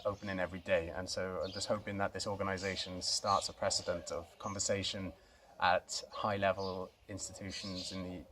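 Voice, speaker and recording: A man's voice: sits low, a bit bright, slight background noise. A man from Swansea with a South Welsh accent, introducing himself in a casual, unscripted and somewhat hesitant way. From Swansea, Wales. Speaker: co-founder of a youth mental health organisation, introducing himself.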